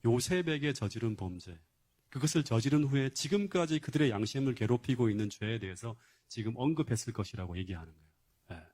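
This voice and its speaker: A man's voice: mid-range voice, lively intonation, fairly quick, a little mellow. A male pastor giving a sermon, retelling a Bible story emphatically with rhetorical questions and frequent interjections of "yes".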